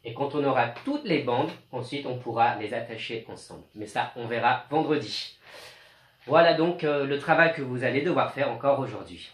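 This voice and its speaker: A male teacher giving a slow, clear home lesson to young children, speaking patiently. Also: mid-range voice, a bit bright, roomy sound.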